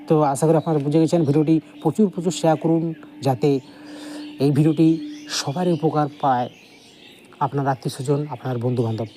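A man with a Bengali accent explains a ritual step by step, repeating each instruction patiently. His voice is dark and mellow, and faint birdsong sits softly behind him. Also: fairly high pitch, steady tone, slight background noise. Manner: slow, repetitive step-by-step instruction. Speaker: mantra teacher. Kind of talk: spoken tutorial with slow chanted recitation.

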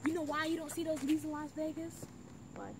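A woman's voice: high voice, little pitch movement, fairly quick. Giggly woman on a noisy outdoor trail. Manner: giggly, goofy, teasing. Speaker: vlogger filming a walk. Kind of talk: playful mock tour-guide chat. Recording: loud outdoor noise.

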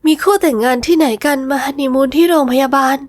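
A woman voicing a sweet, emotional young wife in an audio novel, soft and earnest with a raised pitch. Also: quick pace, no echo, studio quality, close to an everyday voice. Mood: tender tearful.

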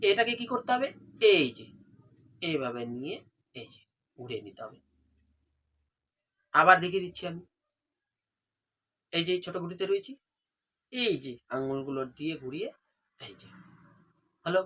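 A man giving a devotional how-to lesson, demonstrating step by step, often asking a question and then answering it himself, and chanting mantras slowly. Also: fairly high pitch, sharp tone, breathy edge. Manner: asks rhetorical questions then answers them. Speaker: religious instructor.

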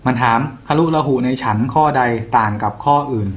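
A young male tutor, laid-back and slangy, coaching students for an exam as if he were their older brother. His voice sits at an ordinary middle pitch, and he keeps the tone loose and chatty. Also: a little fast. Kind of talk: casual exam-prep lesson.

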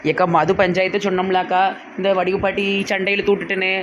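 Excitable Tirunelveli man, high and fast, lo-fi sound. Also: a little hiss or hum. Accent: Tirunelveli Tamil. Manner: excitable and complaining. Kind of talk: comedy sketch acting. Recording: dull lo-fi sound.

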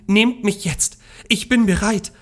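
A man's voice: on the high side, steady tone, normal speed. A man voicing a passionate, desperate young queen in a storybook read from a game.

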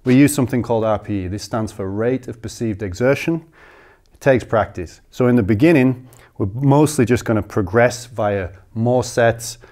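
In an indoor gym, a male strength coach in his thirties explains training step by step at normal speed in a mid-range voice. He lays out the figures in a steady, orderly way, as instruction.

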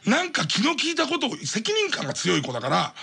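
Late night radio guy rambling and laughing at himself, high lively voice, kinda gravelly and husky. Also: a little fast. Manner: rambling, self-mocking, laughing through his own story. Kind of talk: solo radio monologue, comic storytelling. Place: radio studio. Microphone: studio microphone. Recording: old cassette or MD radio recording.

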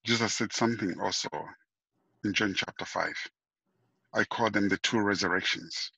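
A man's voice: lowish voice, moderate pace, gravelly, sharp tone, breathy edge, dry recording, poor audio. A man preaching a sermon, emphatic and repeating his key phrases. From Zambia.

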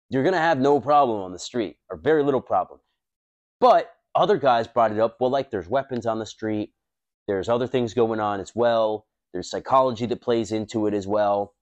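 A man in his thirties runs a self-defense channel, speaking casually and bluntly to camera, full of fillers and swearing. His tone is darkish, and the lapel-mic recording, made in a high-rise room, sounds muffled.

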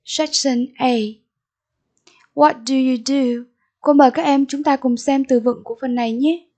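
A woman's voice: high voice, steady tone, a little slow, warm tone. A Vietnamese-accented woman teacher in a recorded English vocabulary lesson, repeating each word and giving its meaning and stress.

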